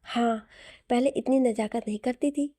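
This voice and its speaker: A woman's voice: fairly high pitch, fairly even intonation, a little slow, dark tone. A woman doing a childlike young wife. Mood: playful. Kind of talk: audio story reading.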